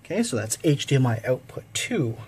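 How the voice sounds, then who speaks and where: A man's voice: medium pitch, sing-song, brisk, a little mellow, a little hiss or hum. A man talking through a casual step-by-step tech tutorial, out of breath and chatty with fillers.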